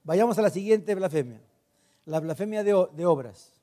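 A man's voice: sits high, normal speed. A pastor preaching a sermon, retelling scripture and putting questions to his congregation, then answering them himself. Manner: retells scripture with emphatic, animated delivery.

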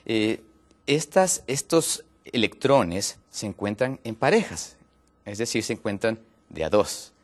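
Fairly low in pitch yet very animated, this man from Ecuador is a guest on a health program. He explains his topic patiently, with many pauses and fillers.

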